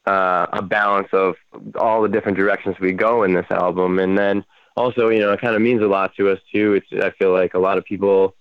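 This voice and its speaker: A man's voice: low voice, clean tone, dry recording. A man talking casually and a little ramblingly as a guest in a music interview. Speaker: band member, interview guest. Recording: dry, slightly dull radio audio.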